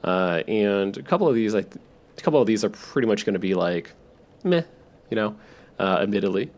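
A man hosting a podcast for sleep listeners, thinking out loud in a low-key, self-deprecating monologue with a drowsy, gravelly voice. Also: animated, a little fast. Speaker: podcast host. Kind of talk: rambling, relaxed stream-of-consciousness monologue for sleep listeners.

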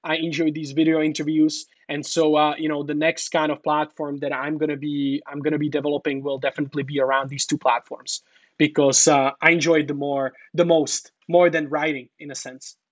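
A podcast guest from the talks in a relaxed, rambling way, padding his points with fillers. His voice sits fairly high with little melody, and the recording is dry and close. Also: brisk, dry recording. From Czech Republic. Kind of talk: casual interview talk.

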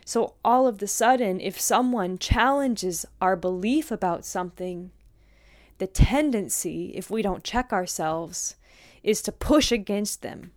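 A woman yoga teacher giving a calm, earnest spoken lesson. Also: mid-range voice, unhurried, no room sound, clean studio sound.

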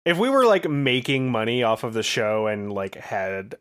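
A man's voice: medium pitch, very animated, moderate pace, a bit bright, clean tone. A man co-hosting a podcast, chatting casually in a laid-back way. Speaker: podcast co-host. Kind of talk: casual chat.

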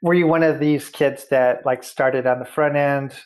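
A man with a mid-range voice hosts an interview podcast. He asks questions in a relaxed, friendly way and slips in playful jokes. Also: medium pitch, moderate pace. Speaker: podcast host. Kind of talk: casual interview chat.

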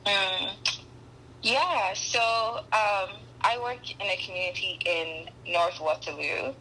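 A young woman who grew up in Ghana, a podcast guest speaking thoughtfully with frequent pauses and restarts. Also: mid-range voice, bright, forceful tone, a little hiss or hum, low-quality recording. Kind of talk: conversational interview.

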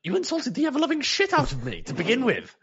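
A woman's voice: high-pitched, huge pitch swings, fast, a bit bright, husky, muffled recording, heavily acted. Woman playing a pompous, wildly swooping male wizard. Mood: pompous, huffy. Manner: pompous, indignant. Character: vain, touchy male wizard, puny and pompous. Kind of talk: tabletop role-play.

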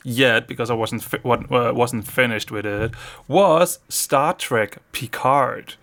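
Gravelly Danish-accented man, halting. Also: mid-range voice, a bit bright. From Denmark. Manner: halting, many restarts and fillers. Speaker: podcast co-host. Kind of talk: casual chat.

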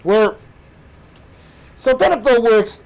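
An American man hosting an energetic talk show, speaking emphatically with his voice muffled by a face mask. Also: extremely high pitch, slow. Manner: emphatic, repetitive, addresses listeners as guys. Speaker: podcast host.

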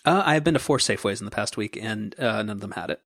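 A man co-hosting a podcast, talking in a wry, animated way with little laughs. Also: lowish voice, quick pace, no room sound, clean studio sound. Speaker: podcast co-host. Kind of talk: casual tech chat.

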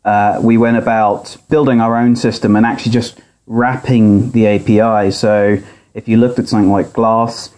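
Talking through technical work as a podcast guest, this software architect speaks in a measured, conversational manner. His voice is lowish and darkish, with little pitch movement. The poor audio comes from a laptop's built-in sound rather than a real microphone.

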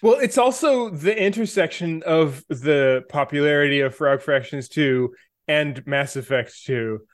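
Guy on a podcast cracking dry jokes, kinda high voice, dry close mic. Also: a little slow, no echo. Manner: joking, dry quips. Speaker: podcast co-host. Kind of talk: casual chat.

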